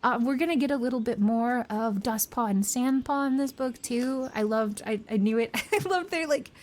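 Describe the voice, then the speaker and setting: After a long read-aloud of a book, a young female streamer's voice is worn out and hoarse, sitting a bit high and slightly mellow. At a moderate pace, she chats casually with her stream, rambling with fillers and little giggles.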